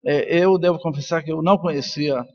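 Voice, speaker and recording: Here the same kind of speaker, an elderly Colombian neuroscientist and professor and native Spanish speaker, reflects informally before a congress audience through personal stories. He holds a steady tone at a fairly high pitch and a fairly quick pace, and the recording's high frequencies are cut off.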